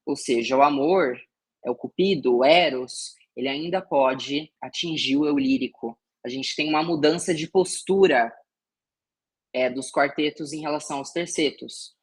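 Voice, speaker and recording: A man with a Brazilian Portuguese accent teaches a literature class in a recorded exam-prep session, explaining things step by step and frequently checking in with students through "né" and "tá". His voice is fairly high and husky, at a moderate pace.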